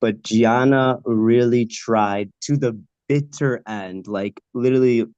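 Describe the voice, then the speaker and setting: A man hosting a casual chat, lively and talkative, laughing easily. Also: mid-range voice, slow pace, smooth, no echo, lo-fi sound. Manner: animated, chatty, laughs easily.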